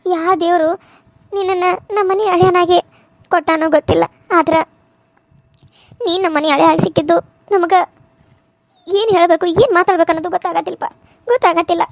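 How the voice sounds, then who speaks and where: A caring middle-aged mother in a cartoon serial, advising her married daughter. She speaks with a North Karnataka Kannada accent in a very high, dry voice. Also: fairly even intonation, brisk, pauses often, no room sound. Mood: grateful. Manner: fussy, motherly instructing.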